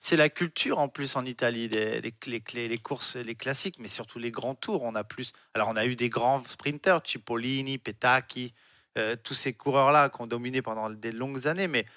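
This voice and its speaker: A man's voice: mid-range voice, normal speed, pushed and bright, dry recording. A French man working as a cycling consultant, speaking with passion in a radio studio and often repeating words as he restarts. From France. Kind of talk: lively radio studio discussion.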